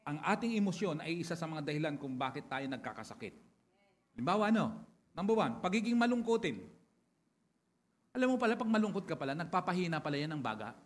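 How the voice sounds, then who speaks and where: Pastor guy, kinda high voice, chatty sermon that gets loud. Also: very animated, fast. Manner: chatty with congregation, then preaching with rising loudness.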